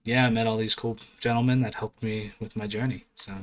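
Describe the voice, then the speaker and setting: A man's voice: on the low side, little pitch movement, a little fast. A man from Florida chatting as a podcast guest, friendly and a bit hesitant. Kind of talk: casual chat.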